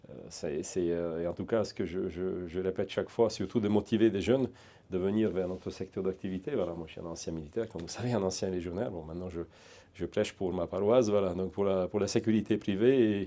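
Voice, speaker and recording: Brief: non-native man, Hungarian accent, middle-aged, deep mellow voice, chatty and halting interview guest. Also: fairly even intonation. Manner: halting, many restarts and fillers, chatty. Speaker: guest, security training center founder. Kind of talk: casual interview.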